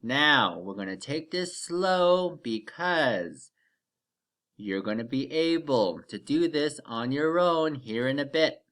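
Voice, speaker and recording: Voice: medium pitch, lively intonation, a bit bright. A teacher leading a children's math lesson like a kids show host, counting aloud step by step, asking simple questions and encouraging the listeners. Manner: slow, step-by-step, repeatedly checking with "okay?".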